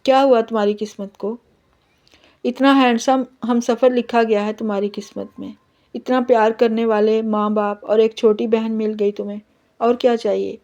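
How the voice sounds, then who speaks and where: A woman's voice: fairly high pitch, little pitch movement, moderate pace, darkish tone, muffled recording, lightly acted. A woman reading the part of a teasing, stubborn young husband in her own voice.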